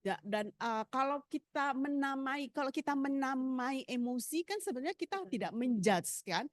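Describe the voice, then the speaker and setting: A woman's voice: high-pitched, lively intonation, moderate pace, dry recording, studio quality. A woman lecturer answering a seminar question, explaining with little acted examples of parent and child. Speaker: speaker, psychology lecturer.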